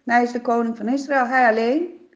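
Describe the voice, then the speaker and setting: A woman narrating a Bible story for children, expressive, with dramatic pauses and hushed passages. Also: on the high side, dull audio.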